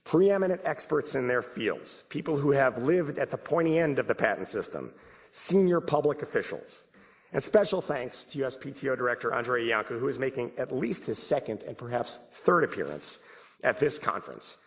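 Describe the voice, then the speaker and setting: Husky American man opening a conference. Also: medium pitch, sing-song, moderate pace. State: getting over the flu. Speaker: conference host giving opening remarks. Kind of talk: prepared welcome speech.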